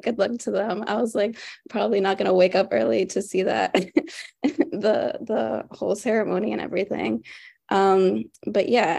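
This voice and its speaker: Chatty young woman with a gravelly voice. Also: mid-range voice, a little mellow. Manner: chatty, laughs often, many fillers. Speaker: award-winning author, panel guest. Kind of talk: casual panel storytelling.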